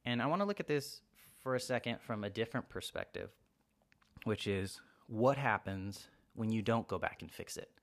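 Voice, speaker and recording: A man's voice: fairly low pitch, lively intonation, normal speed, fairly bright tone. A young man hosting a podcast, rambling through casual self-help advice and acting out short quoted exchanges in a raised voice. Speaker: podcast host.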